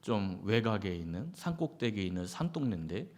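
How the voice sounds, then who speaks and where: A man's voice: fairly low pitch, big pitch swings, a little fast, darkish tone. Korean male pastor preaching conversationally. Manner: conversational preaching with acted quotes and rhetorical questions. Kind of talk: sermon.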